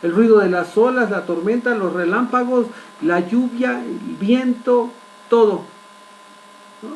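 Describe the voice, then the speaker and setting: Man, high voice, preacher, sermon, rhetorical questions, dramatic storytelling. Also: a little hiss or hum, low-quality recording. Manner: asks the congregation frequent rhetorical questions; vivid storytelling with dramatic pauses.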